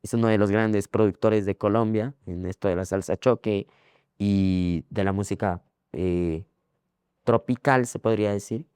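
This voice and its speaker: A young man from Ecuador with an Ecuadorian accent, telling his story as a guest in a casual interview, repeating phrases and filling pauses. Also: on the low side, fairly even intonation, a little mellow, smooth, no echo, clean studio sound. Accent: Ecuadorian Spanish. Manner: rambling, repeats phrases, frequent fillers.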